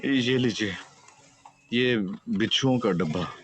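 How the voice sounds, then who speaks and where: Actor as an eccentric young sleuth; deadpan, mid-pitched, playful. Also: male voice, takes it slowly, lightly acted. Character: eccentric, cheeky young male detective. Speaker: first-person narrator.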